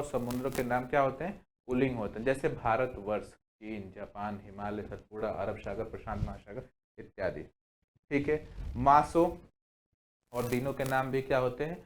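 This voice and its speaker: A male teacher in his younger years, giving an exam-prep grammar lesson at a medium pitch. He keeps putting questions to his class and answers them at once. He reads out long lists of examples slowly, one word at a time. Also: a little hiss or hum. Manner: asks the class questions and answers them himself, repeats "ठीक है" often.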